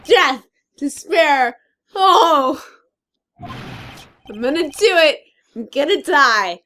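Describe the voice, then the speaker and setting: A despairing young man wails and sobs his lines in a high, swooping voice, as a woman acts him out. He sounds loud and overwrought, reading game dialogue aloud. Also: animated, very slow, full character voice. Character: distraught young man, melodramatic, wailing. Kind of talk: amateur voicing of game dialogue.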